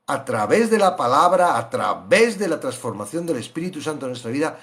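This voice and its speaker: A man leads a Bible study in a lively, teaching manner. His voice sits a little high and rises and falls widely as he slips into quick put-on voices of believers.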